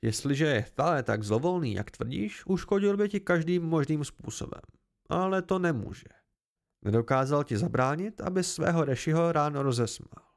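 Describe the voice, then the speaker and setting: A man voicing a calm, stern male chronicler who lectures in a firm, patient way, with a gravelly voice. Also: a little high.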